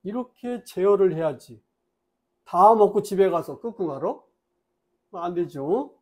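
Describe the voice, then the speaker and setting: Male dharma lecturer with a high voice, lively storyteller who acts out his characters. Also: measured pace. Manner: plain, explanatory lecturing.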